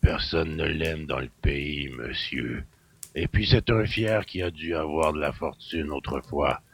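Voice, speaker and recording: An actor playing a gruff, suspicious country innkeeper who grumbles in rustic speech. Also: male voice, measured pace, full character voice. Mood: grumbling. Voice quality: gravelly, low and husky. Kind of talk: audio drama acting.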